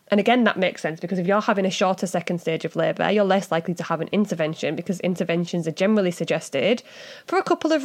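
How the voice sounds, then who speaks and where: A woman with a Hull accent talking casually as a podcast host, explaining things in a chatty, informal way with frequent asides. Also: lowish voice.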